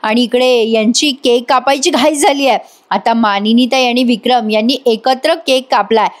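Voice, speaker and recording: A woman's voice: on the high side, normal speed. Chatty woman narrating a tv recap. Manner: chatty, addresses viewers directly. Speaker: tv serial reviewer. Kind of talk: voice-over episode recap narration.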